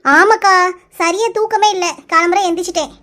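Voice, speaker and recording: A woman's voice: very high voice, a little fast, a bit bright. A woman voicing a shy, polite young village woman in a cartoon, speaking meekly with a Kanyakumari Tamil accent. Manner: meek, apologetic. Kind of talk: cartoon voice acting.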